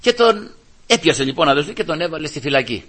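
A man delivers a sermon in a bright, fairly high voice. He talks in a conversational way, keeps turning to his listeners as brothers, and sometimes slips into pleading voices to act out a story. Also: big pitch swings. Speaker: preacher.

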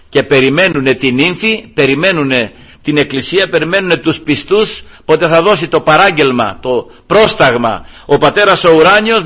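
A male preacher delivering a sermon, emphatic and repeatedly addressing his listeners as brothers, with a husky voice. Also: mid-range voice, fairly bright tone.

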